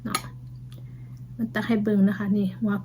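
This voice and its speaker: Eating on camera for her vlog, a woman with an Isan Thai accent chats casually and hums as she tastes each bite. Her darkish voice moves at a moderate pace, with a little hiss or hum in the recording.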